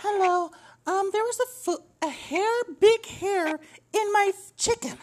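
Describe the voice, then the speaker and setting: A YouTuber putting on a high voice as an angry customer complaining on a prank call, halting and stammering. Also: background noise. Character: angry customer complaining about a hair in her food. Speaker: prank caller.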